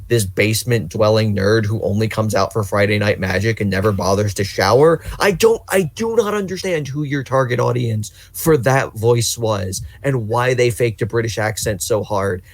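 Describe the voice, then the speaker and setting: A man's voice: medium pitch, no room sound. A man co-hosting a casual podcast, ranting and rambling with lots of swearing. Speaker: podcast co-host.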